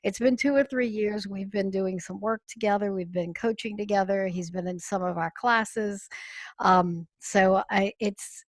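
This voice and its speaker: A woman's voice: medium pitch, unhurried, dry recording. A woman hosting a coaching webinar, introducing the speaker in a friendly way with frequent ums. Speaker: coaching school host. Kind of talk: introducing a speaker on a video call. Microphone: video call.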